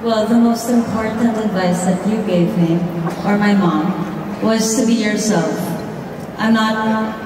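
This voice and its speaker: A woman's voice: mid-range voice, measured pace. A woman in her twenties earnestly answering questions on stage as a pageant contestant. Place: large arena stage. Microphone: handheld mic. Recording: echoey arena heard from far off. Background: crowd and noise.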